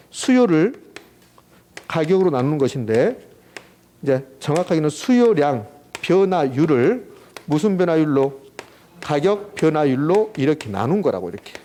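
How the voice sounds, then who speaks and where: A man lecturing on an exam subject, walking students through a formula and quizzing them with quick rhetorical questions. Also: on the high side, dark tone. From South Korea. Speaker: real estate exam lecturer. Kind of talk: classroom lecture at a whiteboard.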